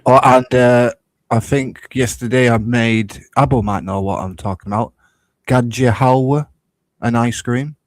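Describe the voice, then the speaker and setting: A man in his early thirties, chatting about food and wrestling in a relaxed, easygoing way on a podcast. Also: medium pitch, unhurried, no echo. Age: 30s. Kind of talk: casual chat.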